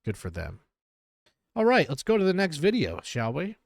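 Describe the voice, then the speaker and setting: A man's voice: a little high, huge pitch swings, moderate pace, creaky, no echo. A young man reacting to clips on a stream, tossing out blunt and sarcastic jokes. His voice swings up and down a lot as he talks. The sound is close and dry, from a desk mic at home. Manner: joking, blunt, sarcastic asides. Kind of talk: casual reaction commentary.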